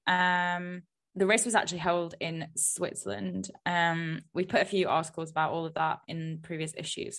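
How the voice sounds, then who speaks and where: A woman hosting a podcast with a voice that sits a little low. She chats casually and pokes fun at herself, scattering ums as she goes. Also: vocal fry, fairly bright tone. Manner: chatty, self-deprecating, filler-heavy. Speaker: podcast host. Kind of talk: casual chat.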